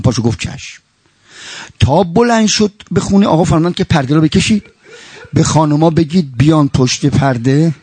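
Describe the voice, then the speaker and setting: A man preaching a mourning sermon, impassioned and swearing oaths, with sweeping swings from high to low and quoted Arabic phrases. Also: a little mellow, breathy edge, no room sound.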